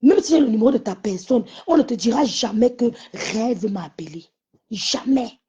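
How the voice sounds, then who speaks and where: A woman ranting mockingly in a casual social media live, with slangy, animated outbursts. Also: on the high side, normal speed, slightly rough. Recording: muffled lo-fi sound.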